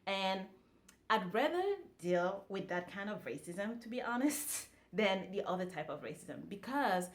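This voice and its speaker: Speaking a bit slowly in a mid-range voice, a woman from France talks casually to her camera as a vlogger. Her relaxed delivery is dotted with many fillers and restarts.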